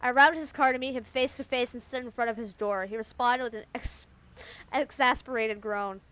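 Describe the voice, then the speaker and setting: A woman reading the first-person narration of a story game in an even storytelling way. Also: on the high side, normal speed, clean tone. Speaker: game channel host.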